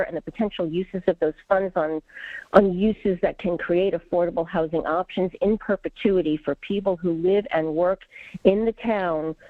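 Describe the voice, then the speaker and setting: A woman's voice: on the low side, no echo. A woman calling in over a clipped phone line, giving an earnest, formal public comment to a board. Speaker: caller at public meeting. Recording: tinny dry phone line.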